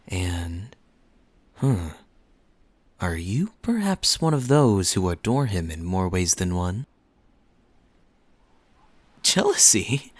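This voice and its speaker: A man's voice: on the low side, dry recording, full character voice. Man playing suave, teasing Kaeya, swooping flirtatious lilt. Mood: wry, probing, then coy, flirtatious. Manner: smooth-talking, playful, coy, lingering phrasing. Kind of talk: romantic interactive audio roleplay, spoken to the listener.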